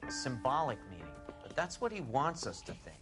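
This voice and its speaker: A man's voice: medium pitch, wildly swooping pitch, brisk, a bit bright, soft background music. A man playing a shrewd, cautionary police colleague in a video game, questioning and warning as he speaks. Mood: skeptical. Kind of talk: dramatic video game acting.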